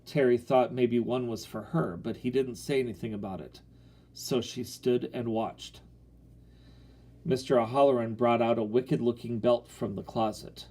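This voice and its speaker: A man narrating an audiobook in an even storytelling manner. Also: medium pitch, moderate pace.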